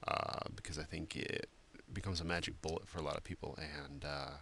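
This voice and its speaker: A man giving a screen-recorded software drawing tutorial, talking loosely with many fillers and restarts. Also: very deep voice, steady tone, a little fast, creaky, slight background noise. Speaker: art instructor.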